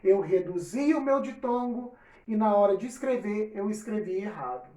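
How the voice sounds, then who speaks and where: A woman teaching a recorded lesson to children, patiently repeating example words slowly. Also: mid-range voice, expressive, dark tone. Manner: addresses children directly. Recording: echoey room, voice from a distance.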